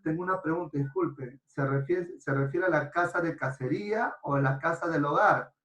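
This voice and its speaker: A man's voice: on the high side, moderate pace, a bit bright, lightly acted. A male teacher voicing a polite, puzzled young male student who asks hesitant questions. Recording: roomy echo.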